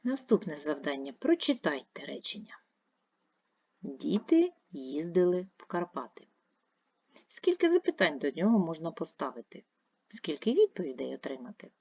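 A woman teacher with a lowish voice guides young pupils through a lesson, explaining patiently and step by step. The sound is dull and lo-fi, and it is close and dry with no room echo. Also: wildly swooping pitch, normal speed, darkish tone, slightly rough. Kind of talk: primary school video lesson.

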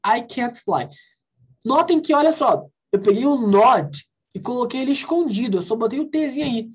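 Lively Brazilian teacher drilling a class. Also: female voice, a little high, breathy edge. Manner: lively, coaxing, asks the class questions and drills phrases slowly. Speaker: English teacher. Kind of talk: online class explanation. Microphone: video call.

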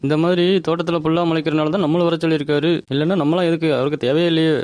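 A man playing a cautious village farmhand who tries to calm his friend. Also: fairly high pitch, no room sound, studio quality, lightly acted. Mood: placating. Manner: rapid, placating. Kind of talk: village comedy skit.

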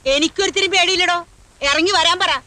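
An actress playing a feisty, hot-tempered old grandmother who scolds sharply and dotes softly, in film dialogue. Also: extremely high pitch, a little fast. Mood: angry scolding. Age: older. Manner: sharp scolding outbursts, then soft and doting. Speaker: grandmother who owns the house.

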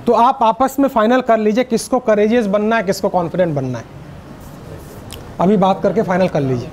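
A middle-aged Indian man with an Indian accent, giving a lively public speaking workshop to a live audience, mixing Hindi and English and joking with the crowd. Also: high-pitched, brisk. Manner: energetic, directs the audience, jokes. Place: seminar room with live audience.

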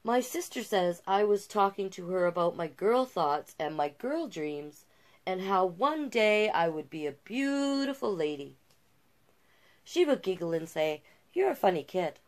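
Reading a picture book with expression and relishing her own little asides, a middle-aged drag king storytime host from Canada sits in a small, cluttered room. She speaks at medium pitch with lively intonation and a slightly slow pace.

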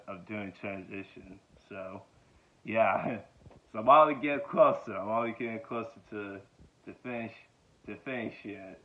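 Talking casually about himself for a vlog, a young man in his twenties from Georgia, USA rambles, using many fillers and saying yeah over and over. His voice is lowish. He records indoors in a small bedroom with a phone held close at arm's length, and the result sounds tinny, like a phone.

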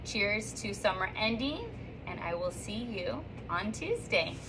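Filmed by a phone or camera on a stand a few feet off, a thirties-aged third grade teacher delivers a cheerful welcome and picture book read-aloud from her classroom reading corner. Her medium-pitched voice keeps a measured pace, upbeat and sing-song, with lively rises and slips as she reads. Noise fills the background.

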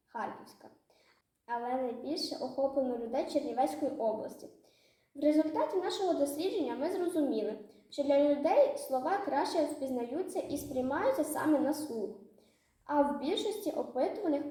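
A woman student presenting a research project, reading a prepared report in a measured, careful way. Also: high-pitched, dark tone. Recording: very echoey room.

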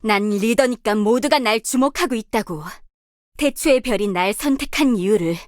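Recorded in a clean studio without room sound, this voice actress delivers determined game voice lines for a confident young female star guardian who leads her squad. Her pitch is fairly high, her pace normal, and her acting light, though the quips stay bold and commanding.

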